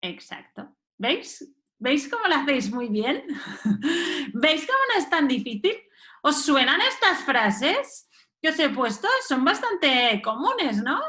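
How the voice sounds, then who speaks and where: Brief: female course instructor, high, animated pitch, coaxes the group along. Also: slow. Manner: reads phrases and rephrases them, coaxing participants. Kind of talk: live webinar teaching.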